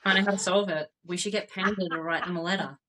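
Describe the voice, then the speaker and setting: Woman, casual podcast chat, bright tense tone, animated storyteller. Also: on the low side, fast. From Australia. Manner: animated storyteller, acts out quotes. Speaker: podcast co-host.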